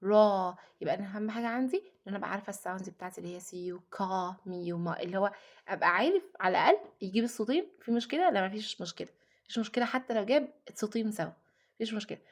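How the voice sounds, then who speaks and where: A woman with an Egyptian Arabic accent teaching a children's phonics lesson. She repeats letter sounds slowly and drawn out, and mixes English words into her Arabic. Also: medium pitch.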